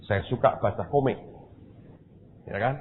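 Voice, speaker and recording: A man's voice: mid-range voice, unhurried. A middle-aged man from Indonesia, a pastor telling a story in a sermon and speaking straight to his congregation. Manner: storytelling, addresses the congregation directly. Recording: tinny phone-like sound with faint noise.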